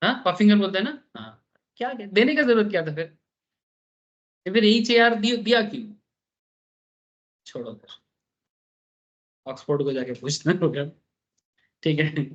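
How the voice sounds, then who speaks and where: A man's voice: high voice, sing-song, moderate pace, long pauses, lo-fi sound. A man teaching a business law class, telling stories and asking the students questions. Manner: chatty storytelling, asks the class questions, mixes English terms.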